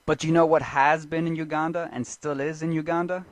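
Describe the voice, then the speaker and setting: Brisk male narrator in a dry room. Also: on the high side, level tone, dry recording. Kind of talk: scripted narration.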